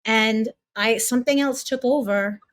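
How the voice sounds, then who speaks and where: A woman's voice: on the high side, a little slow. A woman hosting a podcast in a casual, reflective conversation, speaking in an appreciative, supportive manner. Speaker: podcast host.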